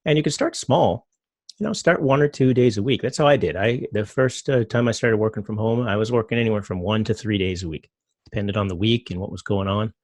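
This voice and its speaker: A middle-aged man giving a relaxed talk, loose and rambling, full of fillers. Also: lowish voice, fairly quick, no room sound, clean studio sound. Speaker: presenter. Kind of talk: casual talk with slides.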